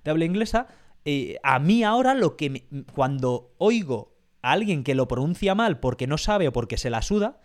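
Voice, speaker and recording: Rambling Spanish podcast host, higher-pitched man. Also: very animated, normal speed. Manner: rambling, frank, swears casually. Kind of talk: casual podcast interview.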